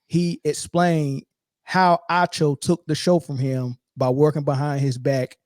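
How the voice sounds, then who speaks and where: A man hosting a sports talk show, animated and repeating words as he builds up his point. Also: on the high side, measured pace, no echo, clean studio sound. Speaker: host.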